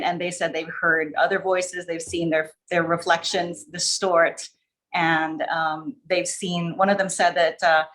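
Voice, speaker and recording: On an online video call, a woman who writes short stories chats casually as a podcast guest, rambling through her explanations and drifting into asides. She has a fairly low-pitched, fairly bright voice.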